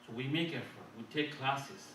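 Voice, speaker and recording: At an Islamic conference, a man delivers a sermon in a mosque hall that is very echoey, with the mic far from him. His mid-range voice has a fairly bright tone over slight background noise. He speaks earnestly, repeating and restarting phrases and reciting Arabic verses quickly.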